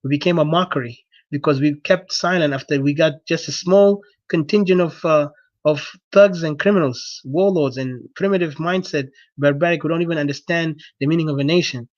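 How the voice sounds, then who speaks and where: Brisk and on the high side, a South Sudanese man speaks to supporters in accented, non-native English, improvising a fervent political appeal and repeating himself often. The sound is lo-fi with no echo.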